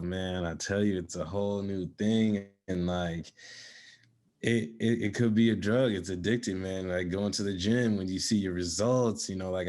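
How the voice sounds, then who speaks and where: A young man, born in Zimbabwe and raised in South Dakota from age four, chats casually as a podcast guest using laid-back slang. His voice sits low with a darkish tone.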